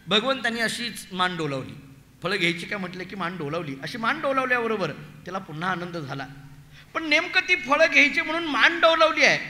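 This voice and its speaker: A man telling a devotional story as a kirtan preacher, animated and acting out the voices of the story's figures, with a Marathi accent. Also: extremely high pitch. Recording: echoey hall with long reverb.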